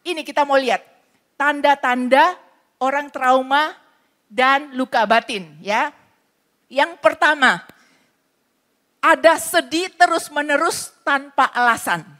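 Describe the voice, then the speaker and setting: High-voiced woman pastor preaching. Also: a bit bright. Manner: earnest, explains with everyday stories and acted quotes. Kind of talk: sermon. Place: church.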